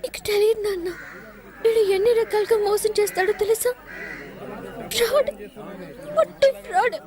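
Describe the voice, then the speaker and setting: A woman's voice: very high voice, moderate pace, crowd noise. An actress playing a stubborn, proud young woman who defies her father. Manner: defiant, haughty.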